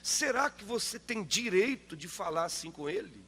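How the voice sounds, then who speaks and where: A male pastor preaching a sermon, driving his points home with rapid rhetorical questions and loud emphatic peaks. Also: high-pitched, animated, slightly rough.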